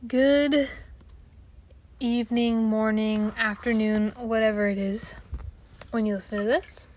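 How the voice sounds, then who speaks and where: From her bedroom at home, a young woman rambles through her solo podcast, interrupting herself and apologizing in a scatterbrained way. Her highish, slightly mellow voice moves a little slowly with fairly even intonation, over slight background noise.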